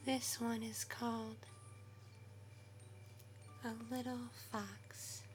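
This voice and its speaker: A doting mother fox, whispered by a woman, murmurs to her kits in a hushed bedtime storybook voice. Her words come very slowly and stay level in tone, higher-set and feathery, with faint music drifting behind her. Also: little pitch movement. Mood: tender. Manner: soft whispering, soothing and affectionate. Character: doting mother fox, female, adult, tender and protective. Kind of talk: ASMR roleplay, bedtime storytelling.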